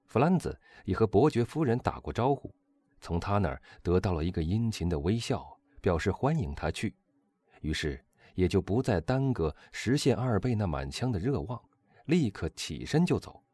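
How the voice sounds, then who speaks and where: A man reading a classic novel aloud as audiobook narrator, in smooth storytelling narration. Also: lowish voice, very animated, normal speed, dark tone, no room sound. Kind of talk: scripted narration.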